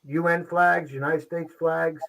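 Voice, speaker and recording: A man hosting a casual livestream show, talking with frequent pauses and restarts. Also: a little high, fairly even intonation, creaky, pushed and bright, low-quality recording. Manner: halting, pauses and restarts often. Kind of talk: casual live-stream talk.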